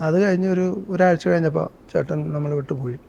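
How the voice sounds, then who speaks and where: A man's voice: a little high, fast, vocal fry, crowd noise. A man, a guest telling stories in an interview. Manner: earnest storytelling, breaks into song. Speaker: interview guest, actor and singer. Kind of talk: conversational interview with sung excerpts. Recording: dull muffled sound.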